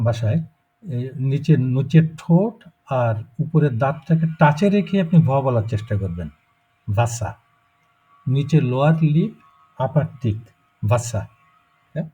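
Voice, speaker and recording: A man's voice: medium pitch, expressive, normal speed, slightly rough. A man with a Bangladeshi Bengali accent teaching German pronunciation in a live class, explaining step by step and checking in with students. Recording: muffled lo-fi recording.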